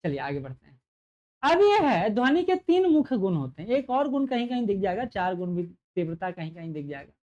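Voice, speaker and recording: A man's voice: sits high, very animated, fairly quick, highs cut off. A man teaching an exam-prep lecture, repeating key points and checking understanding with rhetorical questions. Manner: gets louder and softer to demonstrate sound.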